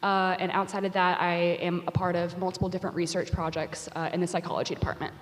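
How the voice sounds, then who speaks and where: A woman's voice: lowish voice, level tone, fast, noisy background. A young woman from Texas, a senior psychology student, giving a friendly introduction. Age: young adult. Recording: reverberant hall.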